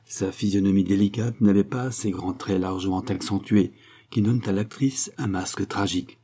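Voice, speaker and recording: Male narrator, low and mellow, steady expressive novel reading. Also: normal speed, slightly rough. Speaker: audiobook narrator. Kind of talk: scripted narration.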